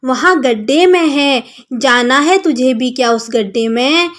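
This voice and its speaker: A woman's voice: high-pitched, measured pace, a bit bright. A woman voicing an illiterate village man in a devotional story, speaking bluntly and snappishly. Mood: irritable.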